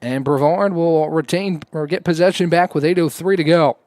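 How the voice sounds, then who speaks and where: A man's voice: fairly high pitch, moderate pace, no echo. A man giving live play-by-play commentary on a lacrosse game. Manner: raises voice to a shout on goals.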